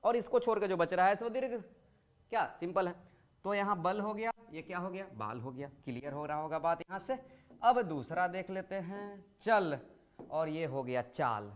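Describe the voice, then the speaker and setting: A man's voice: sits high, lively intonation, moderate pace. A male teacher giving a grammar lesson to school students. He explains patiently, poses questions and answers them himself, and draws out words to show vowel length.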